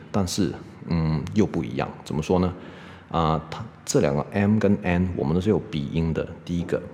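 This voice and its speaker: Deep-voiced male native English speaker, casual teacher drilling sounds, keeps asking "OK?", echoey room. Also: mellow. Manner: ends nearly every sentence with a checking "OK?"; drills sounds slowly and repeats them. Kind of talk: casual spoken lesson. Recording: echoey room with faint background noise.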